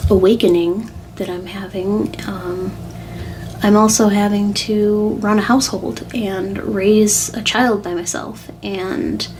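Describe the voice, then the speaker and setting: A woman speaking haltingly and candidly in a confessional personal vlog, sounding upset and tearful. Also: mid-range voice, darkish tone, slight background noise, rough recording. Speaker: weight-loss vlogger.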